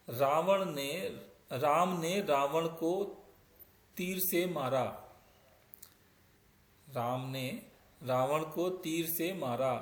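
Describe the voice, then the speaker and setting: A man's voice: a little high, echoey room. A man teaching Sanskrit grammar, patiently explaining step by step with example sentences. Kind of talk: grammar lesson, explaining in Hindi.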